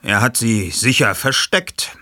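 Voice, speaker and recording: Ein Mann liest ein Hörbuch und spricht den Ich-Erzähler, einen jungen Detektiv, bestimmt und methodisch. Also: male voice, medium pitch, animated, slow pace, sharp tone, dry recording, studio quality, voice pushed up, heavily acted. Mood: composed. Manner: commanding, methodical. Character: calm, clever young male detective, the narrator.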